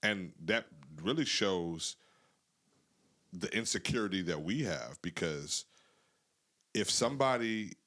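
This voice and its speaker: Male podcast host with a very low voice, earnest and emphatic. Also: lively intonation, slow, long pauses, pushed and bright. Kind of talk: casual podcast conversation.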